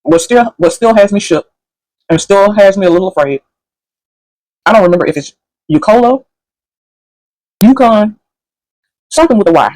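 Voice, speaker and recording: A woman's voice: medium pitch, expressive, moderate pace, long pauses, a little mellow, no room sound, poor audio. A woman doing a casual, rambling food review at home, sassy and sometimes talking while she eats.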